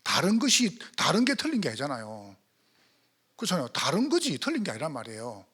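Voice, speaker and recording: A man's voice: a little high, huge pitch swings, a little fast, pushed and bright, husky. A male pastor with a Gyeongsang accent, preaching a sermon in church and firing rhetorical questions at the congregation. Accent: Gyeongsang Korean. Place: church sanctuary.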